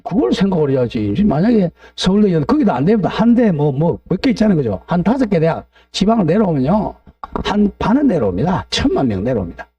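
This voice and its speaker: A man's voice: sits high, very animated, fast talker, mellow, husky, no room sound, recorded from a distance, dull audio. A middle-aged man teaching a real estate law class, drifting into blunt, ranting asides and asking the class to agree. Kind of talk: lecture with opinionated digressions.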